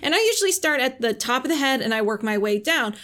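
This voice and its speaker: A woman's voice: sits high, very animated, fast talker, fairly bright tone. A woman hosting a podcast and explaining her work as a Reiki practitioner in a casual, chatty way, acting out quoted voices and laughing easily.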